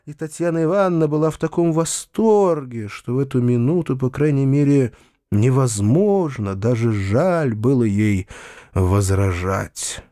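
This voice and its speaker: Male audiobook narrator, theatrical, expressive, lively intonation, dry close recording. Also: medium pitch, a little slow, no room sound. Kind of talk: dramatic literary reading.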